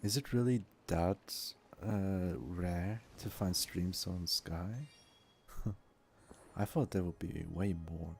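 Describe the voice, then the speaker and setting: A man's voice: low-pitched, creaky, a little hiss or hum. A man whose first language is Turkish, chatting casually with viewers while streaming a game and musing aloud.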